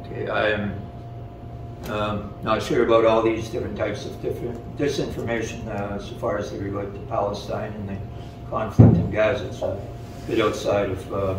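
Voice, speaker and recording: An older man, a guest speaker answering audience questions in a measured, hesitant way with many fillers, recorded from the audience in a wood-panelled room. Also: lowish voice, level tone. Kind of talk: lecture Q&A. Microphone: far camera in the audience. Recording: echoey room from far off, noisy.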